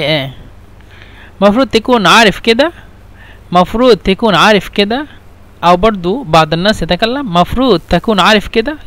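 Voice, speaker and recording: High-voiced man teaching phrases slowly. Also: a bit bright. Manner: repeats each phrase slowly, switching between dialect, standard Arabic and English. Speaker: Arabic teacher. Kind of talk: language lesson.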